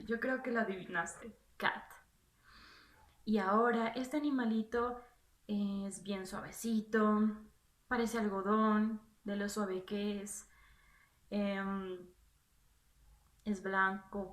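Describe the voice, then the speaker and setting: A woman with a bright, clear voice leads a children's lesson at an unhurried pace. She repeats each word patiently and asks encouraging questions. The room is echoey, with faint music underneath. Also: medium pitch. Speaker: English teacher.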